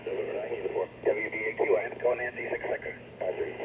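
A man's voice: on the low side, fairly even intonation, measured pace. A man working as an amateur radio operator, calling out phonetic call signs on a fading radio signal. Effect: fading shortwave-style radio. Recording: very noisy, narrow-band radio signal.

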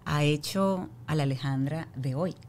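A woman's voice: sits low, moderate pace, darkish tone. A woman hosting a podcast, chatting and affirming her guest. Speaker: podcast host. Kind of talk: casual interview chat.

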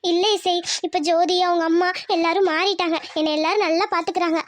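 A woman voicing a tearful young newlywed village woman in a cartoon, talking softly and pleadingly. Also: very high voice, steady tone, fairly quick, dry recording. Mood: tender. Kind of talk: cartoon voice acting.

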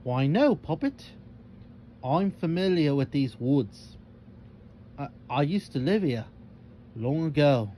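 A man's voice: on the high side, sing-song, slow, pauses often, warm tone, a little hiss or hum, pitched above the performer's own voice. A man doing a solemn ghostly stranger. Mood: mysterious. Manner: solemn, archaic and brooding. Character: mysterious repentant ghostly old man.

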